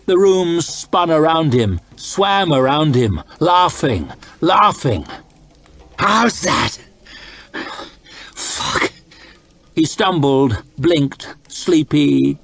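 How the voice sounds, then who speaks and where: A man calmly reading a story aloud in an ASMR storytime style, slow and dramatic. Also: mid-range voice.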